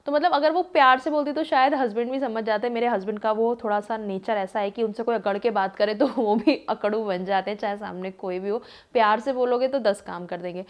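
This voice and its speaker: A woman in her thirties tells a personal story in a relaxed, conversational way. Her voice sits a little high, and she leans on fillers. She acts out what others said. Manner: chatty, lots of fillers, acts out quoted voices. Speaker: vlogger. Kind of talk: casual storytelling monologue.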